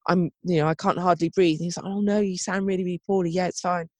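In a fast, steady, slightly mellow lowish voice, a woman co-hosting a podcast chattily tells her story, wheezing, coughing, laughing and often saying "oh my God." The recording is dry and close.

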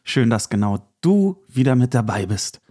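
A male podcast host with a mellow, medium-pitched voice that swings widely in pitch chats at normal speed. Alone on the mic, he runs casually through news, reviews and opinions, speaking straight to the listener.

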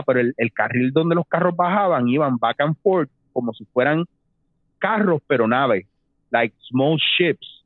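A man, telling a long personal story in casual talk, animated and mixing in English phrases. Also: mid-range voice, no room sound. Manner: animated, mixes English phrases, acts out voices. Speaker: storyteller guest. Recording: tinny phone-like dry sound.

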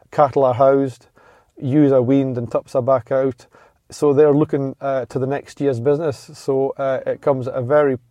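A man's voice: mid-range voice, mellow, no room sound. A man talking casually in a podcast discussion.

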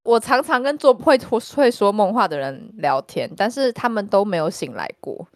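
A woman's voice: medium pitch, moderate pace, no room sound, clean studio sound. A woman, a podcast co-host telling stories eagerly in a casual group chat. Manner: animated, eager storyteller.

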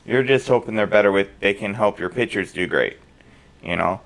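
A man's voice: on the low side, normal speed, vocal fry, fairly bright tone. A man co-hosting a podcast in casual sports chat, rambling on and putting questions to his co-host.

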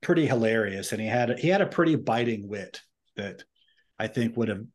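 A man's voice: fairly low pitch, lively intonation, normal speed. A man co-hosting a podcast, talking in casual discussion with a wry, dry sense of humor. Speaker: podcast co-host.

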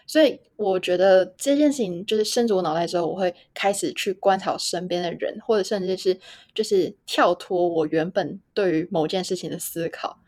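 A woman's voice: fairly low pitch, fairly quick, a little mellow, dry recording, clean studio sound. A woman hosting a casual podcast interview, chatting and laughing at herself now and then. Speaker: podcast host.

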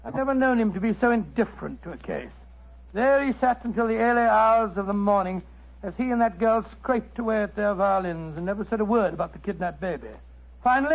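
A loyal, flustered doctor, bluff and easily exasperated, stumbling over his words. His voice sits high for a man. It comes through a muffled old radio broadcast. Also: slight background noise. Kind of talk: 1940s radio acting.

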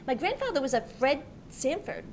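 A woman's voice: high voice, sing-song, moderate pace, slight background noise. A woman in her sixties with a Boston accent who cannot quite pronounce her R's, telling personal stories casually as an interview guest.

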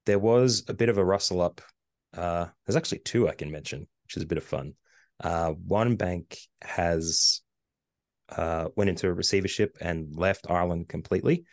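A man's voice: sits low, normal speed, no echo, clean studio sound. A middle-aged Australian man, a podcast guest, chatting casually with hesitant fillers. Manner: relaxed, rambling with fillers and hesitations. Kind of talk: casual conversation.

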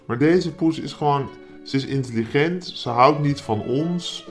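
A man speaking as an anonymous interviewee, his voice disguised by shifting it deeper in pitch, talking hesitantly with many filler sounds. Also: measured pace, faint music behind. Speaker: anonymous interviewee, cat owner. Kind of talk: casual interview chat.

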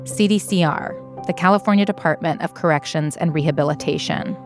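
A woman narrating a documentary podcast in a measured, matter-of-fact scripted style. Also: sits low, music in the background.

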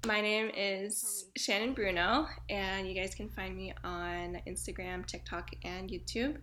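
A woman's voice: medium pitch, fairly even intonation, a little slow, fairly bright tone, a little hiss or hum. A woman in her twenties from Hawaii, a podcast guest chatting casually and laughing often, with plenty of fillers. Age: 20s. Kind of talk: casual chat.

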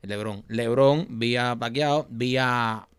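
A man in a casual sports chat, relaxed, muttering low and swearing casually. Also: takes it slowly, clear, resonant tone, dry recording.

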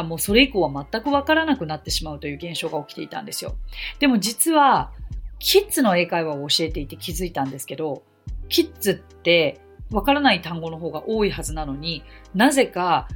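A woman talks through her own study method in a podcast, earnest and eager to explain. Her voice is slightly husky, and her pitch swings widely as she moves between calm explanation and bright excitement. Faint music plays beneath her. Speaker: English conversation teacher and podcast host. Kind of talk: podcast talk.

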